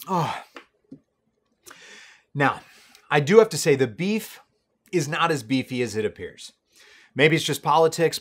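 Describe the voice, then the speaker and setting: A man in his thirties hosting a scripted comedy show, sarcastic and mock-boastful. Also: medium pitch. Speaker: comedy web show host.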